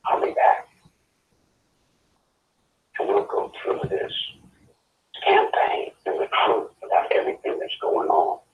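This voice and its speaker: A man's voice: unhurried, pauses often, far from the mic. A man calling in on speakerphone, talking in an earnest, pleading, urgent way as a guest caller. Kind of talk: casual talk. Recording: tinny phone line on speaker, roomy, faint noise.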